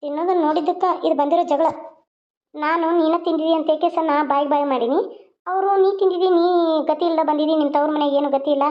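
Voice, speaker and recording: Brief: high-pitched woman, emotional cartoon drama voice, muffled lo-fi sound. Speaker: channel host and voice actor. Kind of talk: dialect cartoon voice acting. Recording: muffled lo-fi recording.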